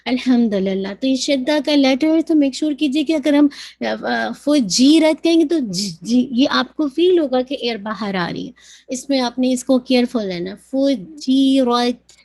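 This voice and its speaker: A woman teaching Quran recitation, patiently demonstrating sounds slowly and repeating them. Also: high voice, lively intonation, darkish tone. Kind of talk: tajweed lesson, mixing Urdu and English.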